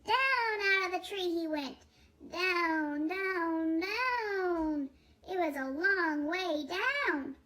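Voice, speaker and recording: Woman reading a kids book out loud, super high voice, slow, playful and really up and down. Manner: playful, expressive, with drawn-out words. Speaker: storybook reader. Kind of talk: animated read-aloud of a children's picture book.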